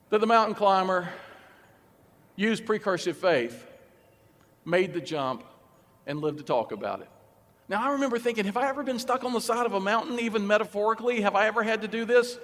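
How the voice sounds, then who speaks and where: A man giving a storytelling talk, acting out dialogue with lively changes of voice. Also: sits high. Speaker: speaker. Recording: speaker in a hall with long reverb.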